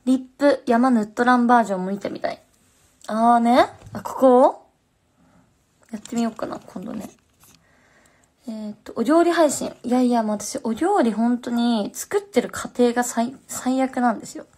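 Young woman, Fukuoka accent, slangy casual livestream chat, phone mic, fairly high voice. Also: normal speed, darkish tone. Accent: Fukuoka Japanese. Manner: chatty, slangy, reading and answering comments.

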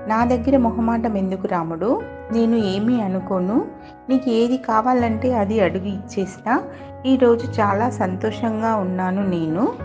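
A woman's voice: on the high side, a little slow, lightly acted. A woman voicing a proud, emotional young woman officer in an audio story, speaking earnestly and from the heart. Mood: joyful. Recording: slightly dull, faint music behind.

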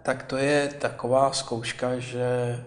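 Older man, chatty, in a roomy space. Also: mid-range voice. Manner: animated, chatty, with hesitations. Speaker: film director, guest. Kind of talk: interview conversation.

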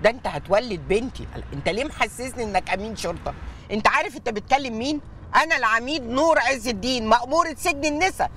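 A woman's voice: fairly high pitch, lively intonation, quick pace, a bit bright, a little hiss or hum. An actress playing a bossy middle-aged prison warden scolding the doctor delivering her daughter's baby. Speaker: women's prison warden, a brigadier. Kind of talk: comic TV drama acting.

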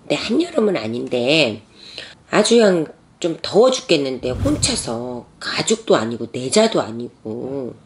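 무속인인 중년 여성이 캐주얼하게 경험담을 들려주며 대사를 흉내 낸다. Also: female voice, extremely low pitch, measured pace, a little hiss or hum. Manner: lively retelling with acted quotes. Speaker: shaman storyteller. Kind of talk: casual storytelling.

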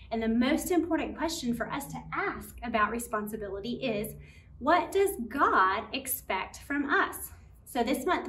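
A woman's voice: a little high, echoey room, recorded from a distance. Woman teaching kids a Bible lesson. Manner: gentle, encouraging, speaks to kids as friends. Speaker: children's ministry teacher. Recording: voice from a bit off the mic, faint background noise.

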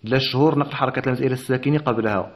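A man teaching Quran recitation rules, explaining each point briskly with short filler pauses and occasional throat-clearing. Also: medium pitch. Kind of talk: tajweed lesson explanation.

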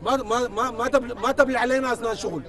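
A man's voice: very high-pitched, steady tone, fairly bright tone. A man playing a bossy, quarrelsome Sudanese worker in a street theatre sketch. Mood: brash. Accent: Sudanese Arabic. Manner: brash, scolding, rapid.

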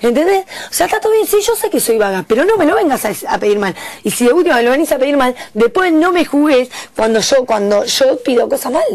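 A young woman from Argentina speaks with a Rioplatense accent, high and very fast, piling up slang as she defends herself through tears. The sound is close and dry, with no room around it. She never stops to let the other person in. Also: big pitch swings, darkish tone, no echo. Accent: Rioplatense Spanish. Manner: defensive, rapid and emphatic, slangy. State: tearful. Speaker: reality show contestant. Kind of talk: heated argument.

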